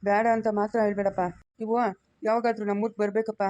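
A woman's voice: mid-range voice, flat delivery, fast, dark tone, highs cut off, close to an everyday voice. A woman playing a kindly, motherly village woman in an amateur family drama, pleading and soothing.

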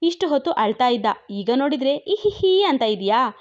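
A woman voicing a feisty, sharp-tongued young wife who chatters quickly, in a dull lo-fi recording. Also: on the high side, lively intonation, close to an everyday voice. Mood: scolding.

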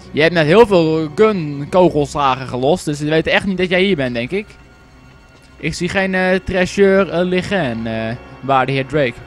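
A young man giving casual, joking let's play commentary, excitable and quick to swear and shout at the game. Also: fairly high pitch. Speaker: gaming commentator.

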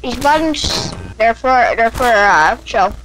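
A woman's voice: on the high side, expressive, slow, music in the background, poor audio. A woman in goofy game voice chat, rambling and stammering as a house owner giving a tour. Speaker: player playing a house owner.

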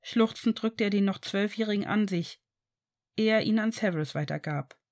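A woman's voice: mid-range voice, normal speed, darkish tone. Woman reading fan fiction aloud. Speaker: reader.

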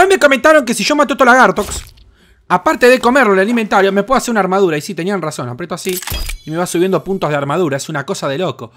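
A young man with a Rioplatense Spanish accent, commenting on his gameplay in an excitable, crude way with lots of swearing. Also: sits high. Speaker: gaming host.

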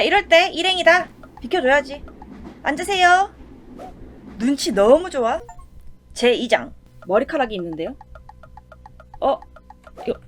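A woman's voice: high-pitched, fairly bright tone. A woman giving casual let's-play commentary with playful exclamations and chatty self-talk. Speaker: game streamer.

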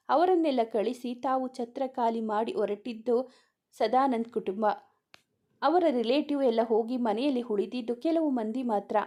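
A woman's voice: on the high side, mellow. A woman reading a romantic family story aloud, voicing the dialogue in her own voice. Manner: reads all characters' dialogue in her own voice. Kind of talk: scripted story narration with dialogue.

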